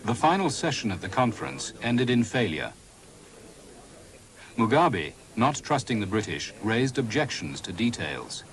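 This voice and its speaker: A man giving measured, scripted documentary narration in a grave tone. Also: mid-range voice, big pitch swings. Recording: noisy 1980s broadcast audio.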